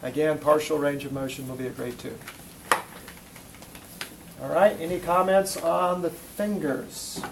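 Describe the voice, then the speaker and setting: A man with a voice on the high side teaches a hands-on demo, speaking at a measured pace with fairly even intonation, creakiness, and long pauses. He gives short repeated instructions and questions students between steps, all recorded amid classroom noise.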